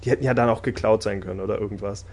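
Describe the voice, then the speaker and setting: A man's voice: lowish voice, very fast, gravelly. Chatty man, casual and laughing. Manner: talkative, laughs often, animated when enthusiastic. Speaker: podcast host discussing anime. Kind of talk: casual chat.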